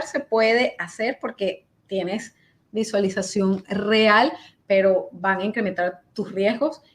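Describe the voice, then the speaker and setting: A woman hepatologist answering questions in a webinar, thinking aloud with many fillers and restarts. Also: medium pitch. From Venezuela. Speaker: invited speaker, hepatologist. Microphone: video call.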